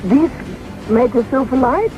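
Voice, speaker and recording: A woman's voice: high-pitched, animated, slow, highs cut off, music in the background. A woman informally interviewing schoolchildren, encouraging them with frequent short interjections.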